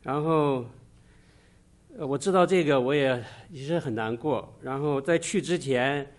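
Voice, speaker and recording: A middle-aged man delivers a church sermon woven with personal testimony. His pitch sits in the ordinary middle range for a man, and he speaks earnestly, pausing and restarting often mid-sentence. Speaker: church preacher.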